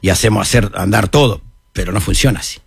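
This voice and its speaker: An older man with a Uruguayan Spanish accent, explaining city matters on a radio talk show in an animated, folksy way. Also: fairly low pitch, fast, gravelly, slightly rough, no echo, clean studio sound.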